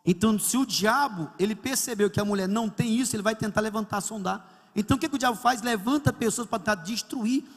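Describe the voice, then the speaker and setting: A man's voice: high voice, fast talker. A man preaching a sermon as a pastor, telling stories and acting out the dialogue. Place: large church hall. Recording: long church hall reverb.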